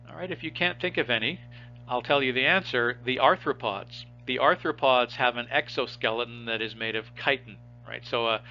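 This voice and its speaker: A man's voice: medium pitch, pushed and bright, highs cut off. A man teaching a biology class, explaining step by step and asking his students rhetorical questions as he goes. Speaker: biology instructor. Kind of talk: recorded lecture.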